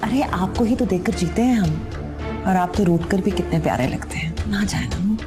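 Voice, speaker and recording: An actress as a coquettish, gushing young bride. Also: female voice, lowish voice, lively intonation, normal speed, close to an everyday voice. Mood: coaxing. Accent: Pakistani Urdu. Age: young adult. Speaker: new bride. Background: background music.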